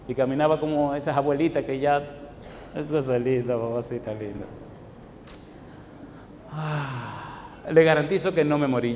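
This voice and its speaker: A man's voice: a little high, darkish tone. A male pastor preaching a sermon, telling stories from his own life and pressing the congregation with rhetorical questions. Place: church hall. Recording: echoey hall, faint background noise.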